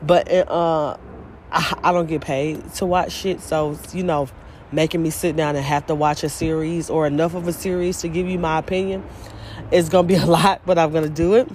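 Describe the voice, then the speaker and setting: A woman's voice: low voice, fairly even intonation, normal speed, darkish tone, slight background noise, low-quality recording. A woman vlogging in casual chat, rambling and opinionated, with plenty of swearing and filler words. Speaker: vlogger and small business owner.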